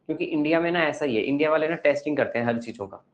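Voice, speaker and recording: A man's voice: on the high side, rapid-fire. A male teacher lecturing a class, asking the pupils questions and giving advice.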